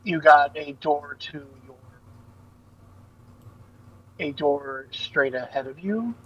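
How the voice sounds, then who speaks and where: A man running a tabletop game as game master over a voice call, soft-spoken, his audio choppy and cutting out as his phrases trail off. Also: on the high side, slow, slightly rough, highs cut off. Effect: choppy audio cutting out at phrase ends. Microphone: voice call mic, quiet.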